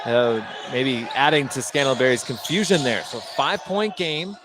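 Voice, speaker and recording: With a medium-pitched voice and a moderate pace, a sports announcer provides live radio play-by-play of a basketball game. He uses short, clipped calls that go up on big plays, over gym noise in a clearly noisy broadcast.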